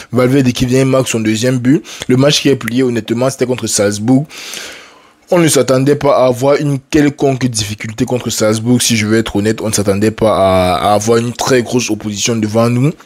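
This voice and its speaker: A man with a mid-pitched voice talks through a football match in a loose, conversational monologue. He is a little sick and sometimes restarts his sentences as he thinks aloud. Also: darkish tone. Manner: conversational, drops English words like "like", frequent restarts. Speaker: football analyst, video host. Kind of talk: casual match debrief monologue.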